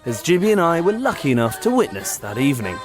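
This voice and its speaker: Lively documentary narrator over music. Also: male voice, fairly high pitch, fast. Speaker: documentary presenter. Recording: music bed under narration.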